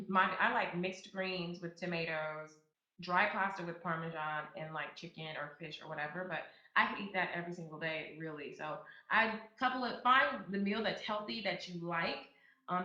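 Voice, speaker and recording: A woman in her thirties talks through money tips in a loose, chatty way, full of little restarts, and leans in hard when she makes a point. Her lowish voice has a bright, forceful edge. The room echoes and the sound is a bit dull. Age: 30s. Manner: chatty, with many fillers and restarts, turning emphatic when giving advice. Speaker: podcast host. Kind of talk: casual advice monologue.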